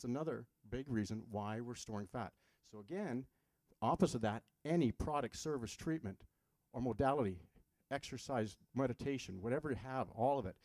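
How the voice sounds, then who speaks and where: A man's voice: medium pitch, a little mellow, dry recording. A man who works with patients gives a live health seminar in a conversational way, asking the audience questions and dropping jokes. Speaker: health practitioner giving a seminar.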